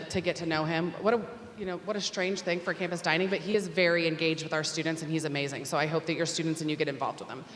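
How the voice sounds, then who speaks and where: A woman's voice: fairly low pitch, a bit bright. Woman orientation director, chatty and upbeat, echoey auditorium, faint noise. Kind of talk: casual address to an audience. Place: large auditorium. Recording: echoey hall.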